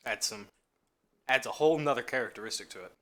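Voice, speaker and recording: Quick, bright-voiced man eating on stream. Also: medium pitch. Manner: talks with his mouth full, chatty and enthusiastic. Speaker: streamer hosting a cooking stream. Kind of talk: casual chat while eating on a live stream. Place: home kitchen.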